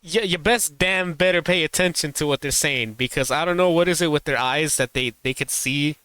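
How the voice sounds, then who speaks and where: A man's voice: a little high, a little fast, sharp tone, clear, resonant tone, low-quality recording. A man streaming live, chatting casually as he reacts to a video, rambling and laughing, with emphatic warnings.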